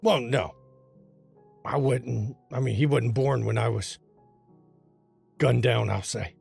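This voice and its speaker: A man voicing the vengeful, blunt ghost of a gunned-down man in a tabletop game, with a raspy, sly, terse delivery. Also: mid-range voice, takes it slowly, darkish tone, faint music behind, pitched below the performer's own voice, heavily acted. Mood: bitter, sly. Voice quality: raspy, gravelly.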